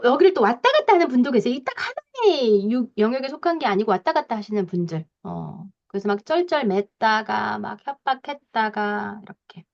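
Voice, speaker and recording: A woman parenting coach giving a lecture, talking in a lively way with frequent soft fillers and acting out parents' lines as she explains. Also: medium pitch, gravelly, muffled recording.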